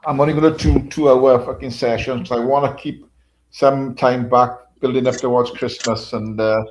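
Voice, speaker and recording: A man's voice: medium pitch, steady tone, moderate pace, darkish tone, slight background noise, rough recording. A man hosting a casual live-stream chat, rambling and filling gaps with "you know".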